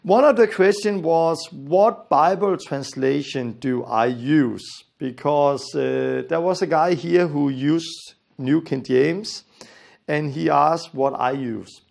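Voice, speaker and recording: Slow and creaky yet a little mellow, this fairly high male voice belongs to a Bible teacher from Denmark. A native Danish speaker with a matching accent, he delivers his lesson earnestly and emphatically, going over key phrases again and again.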